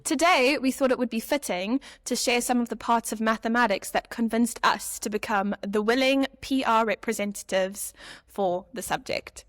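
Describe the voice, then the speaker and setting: A South African woman in her twenties co-hosts a podcast, reading her scripted lines with an upbeat, lively flow at normal speed. Her voice sits a bit high, and the recording is dry and close, with no room sound at all.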